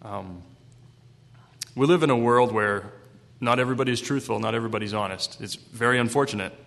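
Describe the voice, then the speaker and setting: A man's voice: mid-range voice, brisk, creaky, a bit bright. A male preacher reading scripture aloud and then retelling it in casual language. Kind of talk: Bible reading with sermon commentary. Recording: long hall reverb.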